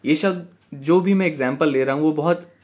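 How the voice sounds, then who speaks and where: Guy teaching an online poetry class, slightly high voice, says words real slow to count beats. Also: a little mellow. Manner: patient, repeats words slowly to count syllables; checks in with students often.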